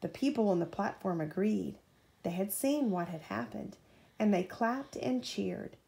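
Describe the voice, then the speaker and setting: A mother reads her child a bedtime story, her mid-range voice carrying a creaky quality. The reading is animated, with pauses where she quizzes the child.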